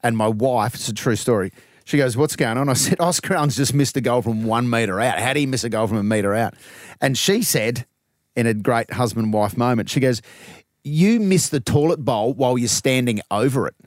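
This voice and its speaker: A man's voice: medium pitch, brisk, no room sound, studio quality. An Australian man hosting a sports podcast, chatting casually and jokily as he interviews.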